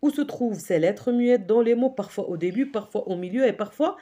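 Patient teacher lady, warm mellow tone, explains slow and repeats stuff. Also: on the high side, lively intonation. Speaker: primary school teacher. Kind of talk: French spelling lesson.

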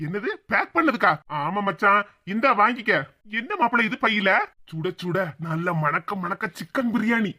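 High-pitched bantering village buddies. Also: male voice, expressive, normal speed, bright, forceful tone, heavily acted. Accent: Tirunelveli Tamil. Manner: melodramatic, comic bantering. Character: two bantering young village men, brothers-in-law and friends. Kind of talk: cartoon voice acting. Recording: dull lo-fi sound.

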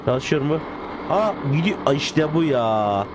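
A man giving casual gameplay commentary as a gaming video host, excitable and joking, playfully swearing and talking to the cars. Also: a little high, measured pace. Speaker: gaming YouTuber. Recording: game car sounds in the background. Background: game engine and car noise.

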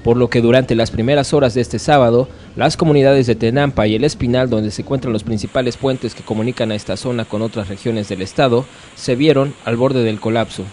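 A man's voice: medium pitch, steady tone, brisk, hardly any pauses. A man with a Mexican accent narrating a scripted news report. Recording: faint outdoor background noise.

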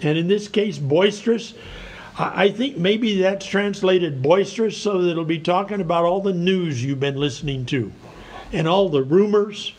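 A man preaching a sermon, reading scripture in a slow, earnest way. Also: high voice, rough recording. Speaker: pastor.

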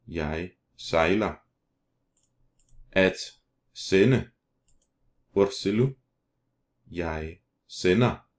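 A man teaching vocabulary, saying each word slowly and then repeating it. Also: sits low. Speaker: language teacher. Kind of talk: slow vocabulary drill reading.

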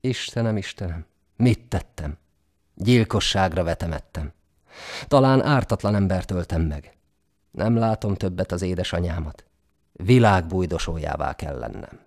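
A man's voice: low-pitched, animated, darkish tone. A man voicing a strong, proud young peasant in a storybook tale, lamenting earnestly.

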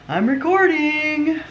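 A woman in her thirties talks casually into her camera in a home kitchen, her pitch jumping all over as she goes. She takes her time and keeps breaking off mid-thought to restart. A faint hiss sits under the voice. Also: dull audio. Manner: chatty, self-interrupting, laughs at her own slips. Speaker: cooking vlogger. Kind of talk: casual meal prep vlog. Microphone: camera mic at arm's length and on the counter.

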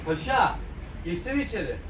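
Very animated and high-voiced, a man speaks at normal speed from far off the mic while vlogging with his dogs at home. He gives them fond commands and chats casually with viewers, and the recording is echoey with background noise.

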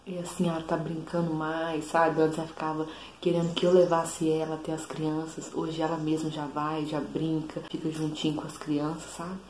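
A woman's voice: completely flat delivery, normal speed, darkish tone. A young woman with a Brazilian Portuguese accent, chatting casually to camera as a mother vlogger, often asking "sabe?". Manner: chatty, says "sabe?" often, quotes her toddler in a higher voice. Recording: echoey room with faint background noise.

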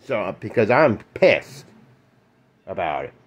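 A young man talks to his camera in a halting, stammering way, slowly and with a lot of fillers. He sounds shaken, and his pitch swings widely, jumping high when he breaks into angry outbursts. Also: very animated, husky, dull audio. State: shaking and upset. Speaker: vlogger. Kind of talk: casual rant to camera.

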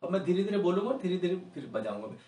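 A man with a Hindi accent teaching harmonica, patiently explaining step by step and chanting the note names slowly to show how long each note lasts. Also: high voice, sing-song, warm tone, recorded from a distance. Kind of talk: spoken music lesson. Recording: echoey room, a little off-mic.

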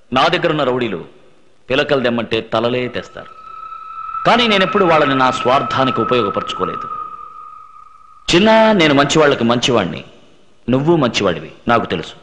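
An actor playing a calm, commanding middle-aged village leader in a dubbed film drama, speaking in measured, authoritative one-liners. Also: male voice, medium pitch, slight background noise. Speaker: film hero confronting a minister. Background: film score music.

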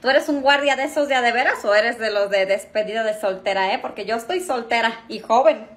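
A woman's voice: fairly high pitch, brisk, a bit bright, voice pushed down, lightly acted. Woman doing a cheeky tipsy grandma. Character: tipsy grandmother who flirts shamelessly.

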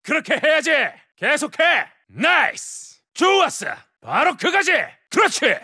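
A man's voice: very high-pitched, sing-song, unhurried, sharp tone, no room sound, clean studio sound, full character voice. A man voicing a tough, cocky special-forces soldier, delivering clipped combat callouts as video game voice lines. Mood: triumphant. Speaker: military operator.

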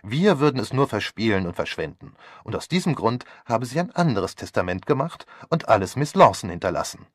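A glib, mocking young man talks breezily and sardonically in an audiobook, as a male reader puts him on. His voice is lowish, and the recording is close and dry. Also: sing-song, fairly quick, hardly any pauses, dry recording. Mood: flippant. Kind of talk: audiobook character voice.

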